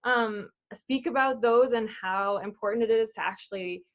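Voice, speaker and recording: A woman's voice: fairly high pitch, normal speed. Affirming woman host, dull lo-fi sound. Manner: affirming, steady "mm-hmm" responses, enthusiastic questions. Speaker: summit interview host. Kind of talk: casual interview conversation. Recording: dull lo-fi audio.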